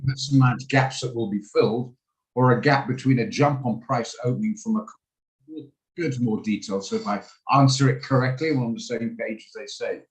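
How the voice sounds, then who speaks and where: A man hosts a live online trading session over a video call, greeting people by name and rambling in a self-deprecating way with plenty of fillers. He speaks briskly at medium pitch on a low-quality recording.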